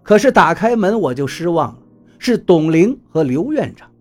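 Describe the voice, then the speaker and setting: A man narrating a suspense audiobook in the first person, with dramatic, expressive storytelling. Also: a little high, normal speed, soft background music.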